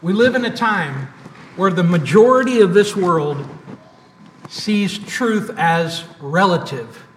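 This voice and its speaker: A man preaching a sermon as pastor, with emphatic repetition and pauses, in a church sanctuary. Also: high voice, lively intonation, slight background noise. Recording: echoey church hall, mic at a distance.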